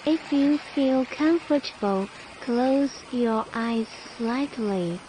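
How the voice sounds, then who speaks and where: Soft soothing spa lady doing guided relaxation, high voice, really slow, ambient noise behind. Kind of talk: guided meditation narration. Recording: noisy ambient background sound.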